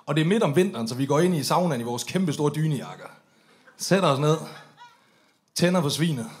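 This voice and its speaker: Swearing man telling a story. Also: on the high side. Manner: swearing, animated, acts out drunk voices. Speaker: comedian telling a story on stage. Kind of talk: stand-up storytelling.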